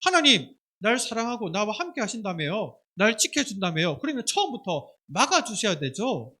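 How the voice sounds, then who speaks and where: A man's voice: high voice, sing-song, normal speed, sharp tone, exaggerated voice. A male pastor voicing an upset child who complains to God with reproachful questions. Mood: complaining.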